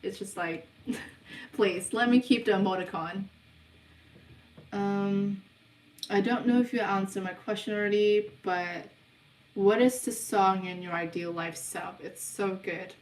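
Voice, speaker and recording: A young woman chats slowly through a livestream Q&A, pausing on ums as she reads out questions. Her voice sits a little back from the mic in an echoey room. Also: medium pitch, recorded from a distance. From New Zealand. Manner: unhurried, hesitant, many ums, reads questions aloud before answering. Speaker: livestream host of a subliminal channel. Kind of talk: casual livestream Q&A reading chat questions. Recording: roomy sound, voice away from the mic.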